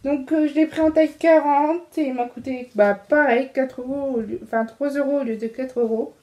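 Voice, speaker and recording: A young woman with a French accent talks through her shopping haul in a loose, chatty way, stopping on fillers and correcting herself as she goes. Her voice sits high but has a soft, mellow tone. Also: steady tone, moderate pace. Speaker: fashion vlogger. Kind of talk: casual clothing haul.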